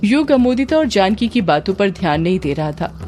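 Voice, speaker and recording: A woman reading a scripted story in a steady, descriptive way as a storyteller. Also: mid-range voice, normal speed, faint music behind.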